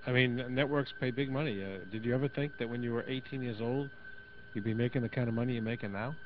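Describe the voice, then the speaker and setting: A man's voice: mid-range voice, fast talker. A man hosting a casual radio interview, friendly and joking, asking short questions. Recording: dull lo-fi radio audio with faint hiss.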